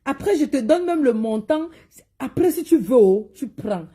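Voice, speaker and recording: A woman's voice: sits high, animated, moderate pace, mellow, slightly rough. Blunt woman with a Cameroonian accent. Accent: Cameroonian French. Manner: blunt, scolding, repetitive warnings. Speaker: seller of spiritual and cosmetic products. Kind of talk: live social media monologue.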